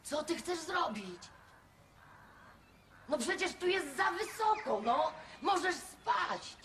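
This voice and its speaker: A flustered, fretful daughter. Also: female voice, very high-pitched, big pitch swings, slow pace, fairly bright tone, slight background noise, heavily acted. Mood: worried. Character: flustered, anxious young woman. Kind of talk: sitcom acting.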